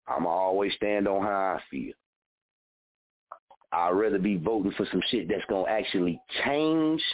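Fired-up preachy man on a phone-thin line. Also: medium pitch. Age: 30s. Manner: preachy, fired-up, repetitive and blunt, with cursing. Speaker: radio show host. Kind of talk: motivational talk on a call-in radio show. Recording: phone-like narrow audio.

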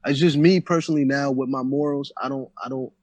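A man's voice: medium pitch, steady tone, fast talker, darkish tone, no room sound. A man from Central New Jersey, a battle rapper as interview guest, talking loosely with many "you know what I'm saying" fillers. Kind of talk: casual interview chat.

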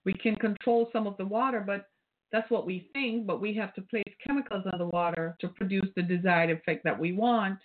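Talking a little fast in a mid-range voice, this British Caribbean woman delivers casual solo podcast commentary. She sermonizes rhetorically, tags her points with "right?", and sounds like she's on a phone line.

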